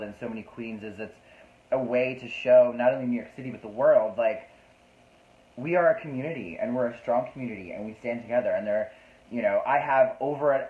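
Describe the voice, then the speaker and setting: A man's voice: medium pitch, echoey room, narrow, tinny audio. A man hosting a casual live-stream chat, flamboyant and talkative, reading out viewer comments. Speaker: host. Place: New York City.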